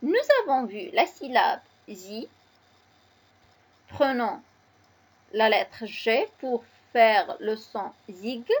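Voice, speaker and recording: A woman teacher slowly spelling out letters and syllables in a reading lesson for children. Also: on the high side, expressive, husky.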